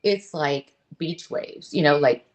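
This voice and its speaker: A middle-aged woman with a notably low voice, speaking as an interview guest. She talks in an open, earnest, halting way, breaking off and restarting her sentences. Her delivery is candid and conversational. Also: rough recording.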